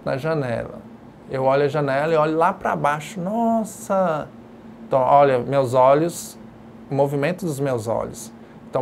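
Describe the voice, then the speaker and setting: A patient sign language teacher talks through a recorded online lesson, demonstrating each point step by step. The voice has a gravelly, fry-edged texture at an ordinary middle pitch. A faint hiss of noise sits under the speech. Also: darkish tone. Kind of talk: recorded distance-learning lecture. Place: educational video studio.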